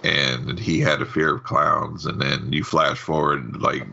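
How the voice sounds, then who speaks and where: A man co-hosting a podcast, casually retelling a film plot in a relaxed way. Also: a bass voice, a little slow, creaky, breathy edge, highs cut off. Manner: relaxed storytelling, recounting a plot with restarts. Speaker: podcast co-host. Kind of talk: casual chat about films.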